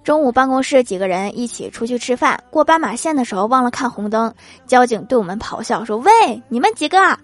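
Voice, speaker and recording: Reading comic anecdotes on her podcast, a woman speaks a little fast with a fairly high pitch and hardly any pauses, in a recording without echo. She's lively, performs the quoted lines, and laughs after her punchlines over faint music.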